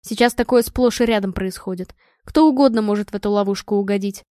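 A woman's voice: medium pitch, quick pace, dark tone, no echo, studio quality, close to an everyday voice. A woman voicing a panicky hot-headed husband. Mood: remorseful. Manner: desperate and defensive.

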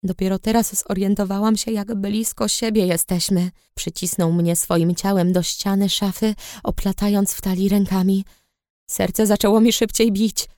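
A woman narrates an audiobook in the first person, telling the story steadily. Her mid-range voice moves at a normal speed, recorded with clean studio sound and no room ambience.

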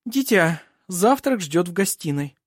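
A man's voice: high-pitched, very animated, unhurried, slightly rough, no room sound, studio quality, voice pushed up, heavily acted. A man voicing a commanding older noblewoman who speaks imperiously.

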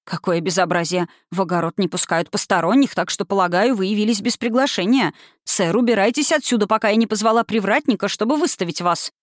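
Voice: mid-range voice, fast, few pauses, no echo, clean studio sound, natural voice. A reader voicing a fussy, scandalized middle-aged woman chaperone in an audiobook, scolding in short outbursts. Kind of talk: audiobook reading.

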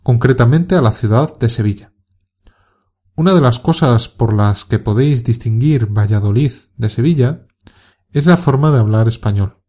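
A man from Spain with a Castilian Spanish accent, giving a scripted podcast lesson for learners in a calm, clear and encouraging way. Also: mid-range voice, moderate pace. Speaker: Spanish teacher.

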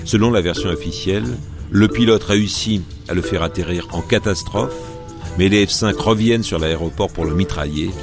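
Deep-voiced wry radio narrator. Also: male voice, normal speed, over music. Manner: ironic, wry commentary. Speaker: radio history host. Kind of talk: scripted narration.

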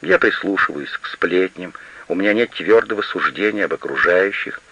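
A man's voice: sits low, animated, moderate pace, vocal fry, pushed and bright, slightly rough, exaggerated voice. A man reading an audiobook and voicing a proud, demanding woman who owns an estate, on a slightly lo-fi recording. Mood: pleading. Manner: insistent and demanding. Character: proud, pleading, imperious woman estate owner.

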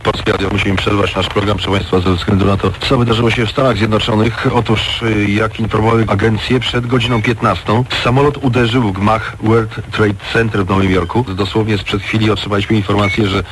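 A male radio announcer interrupting the programme with an urgent, slightly halting news bulletin, heard from an old archive radio recording on worn tape. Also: lowish voice, flat delivery. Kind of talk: live breaking-news bulletin. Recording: hissy archive radio broadcast.

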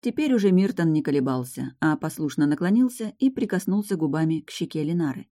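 A woman narrating a first-person fantasy audiobook in an even, low-key manner. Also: fast talker.

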